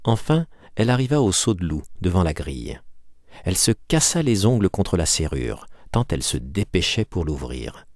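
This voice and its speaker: A man narrating a classic novel as an audiobook, with expressive, measured storytelling. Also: sits low, no echo, studio quality. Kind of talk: scripted narration.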